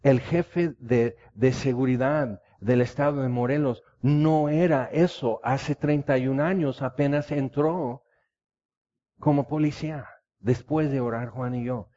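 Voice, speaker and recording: A man's voice: mid-range voice, steady tone, unhurried, dark tone. A man preaching a sermon, telling stories with passion. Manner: impassioned storytelling preaching. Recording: dull lo-fi recording.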